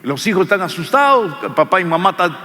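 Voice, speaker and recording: Male preacher, fairly high and sharp-toned, hammering repeated lines in a reverberant hall. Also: big pitch swings, fairly quick. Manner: emphatic, repetitive, addresses listener as friend. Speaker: evangelical preacher teaching a Bible lesson. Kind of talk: preaching Bible lesson.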